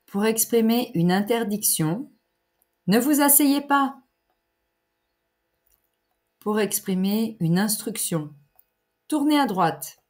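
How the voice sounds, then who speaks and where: Woman, unhurried language teacher, precise diction. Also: on the high side, animated, darkish tone. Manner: deliberate, articulated teacher's delivery with pauses for exercises. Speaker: French teacher. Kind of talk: slow, clear grammar lesson.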